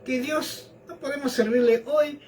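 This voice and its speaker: A man preaching a sermon, in a slow, halting delivery full of asides to the listeners. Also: extremely high pitch, steady tone, a little mellow, slight background noise.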